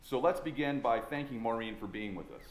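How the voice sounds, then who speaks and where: A man's voice: medium pitch, heavy background noise. Courteous male chaplain host in an echoey room. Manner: measured, courteous, reads a prepared introduction. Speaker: assistant chaplain and interview host. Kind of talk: formal introduction then interview questions. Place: chapel center event space. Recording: echoey room with faint ambience.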